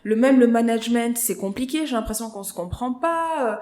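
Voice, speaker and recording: A woman guest on a podcast interview, telling her own career story in a lively conversational way and acting out what others said to her. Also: on the high side, a little fast, a little hiss or hum. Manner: lively storyteller who acts out quoted voices. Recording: roomy echo.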